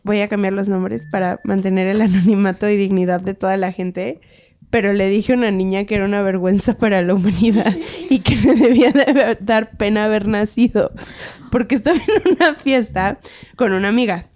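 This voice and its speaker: Young Mexican woman, podcast co-host, animated storyteller who voices every quote. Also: mid-range voice, brisk. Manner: animated, acts out quotes, laughs often. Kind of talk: casual storytelling chat.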